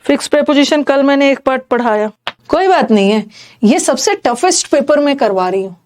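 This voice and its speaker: A woman's voice: sits high, lively intonation, normal speed, darkish tone. A woman giving an exam-prep grammar lecture, explaining in a mix of Hindi and English and putting questions straight to her students.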